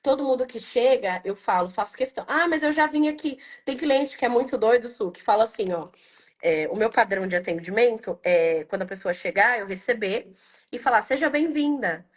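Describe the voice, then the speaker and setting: A young adult woman, a business owner, talking in a casual, reflective and emotional way, tagging her phrases with quick questions. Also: medium pitch. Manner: reflective, emotional, frequent "né" tags. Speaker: business owner interviewed about her brand. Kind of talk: casual heartfelt testimonial.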